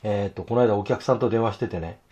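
A hoarse man teaching fountain pen illustration, talking to himself in halting asides as he draws. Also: fairly low pitch, warm tone, muffled recording, a little hiss or hum. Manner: talks to himself while drawing, halting, murmured asides. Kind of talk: casual drawing tutorial.

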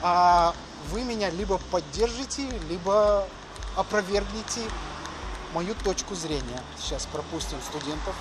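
Strolling through city streets, a middle-aged man from an education agency hosts a walking vlog, chatting casually in a high-pitched, unhurried voice. Music and street ambience add background noise.

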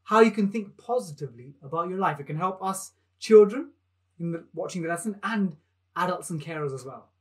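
A man in his thirties leads a live maths lesson for young children. He talks with bright enthusiasm, coaxing the kids to clap and jump along. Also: high voice, animated, fairly quick. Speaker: maths teacher hosting a live online lesson.

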